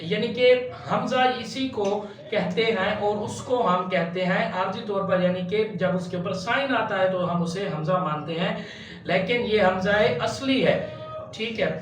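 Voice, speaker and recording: Male tajweed teacher, high voice, unhurried, chants syllables; echoey room, a bit far from the mic. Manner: slow and patient, spells out letters and chants drawn-out syllables. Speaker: Quran recitation teacher. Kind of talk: step-by-step tajweed lesson.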